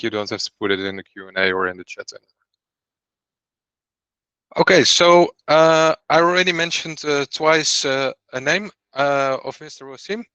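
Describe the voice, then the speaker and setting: A man hosts a presentation over a video call. His voice is bright and crisp, and the sound is dry and close. He explains clearly and in an organized way what he is doing as he goes. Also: mid-range voice, no echo. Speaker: program host and startup founder. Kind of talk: online presentation.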